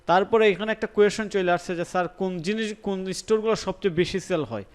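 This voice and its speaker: A young male instructor with a Sylheti-tinged Bangla accent teaches a live online class in a high, clear, resonant voice, talking fast. He thinks aloud, repeats words, and checks that his students are following.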